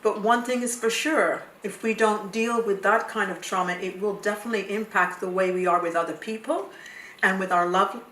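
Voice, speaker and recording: A woman counsellor explaining things in a calm, measured way. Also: mid-range voice. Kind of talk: explaining to camera. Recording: roomy echo, distant mic.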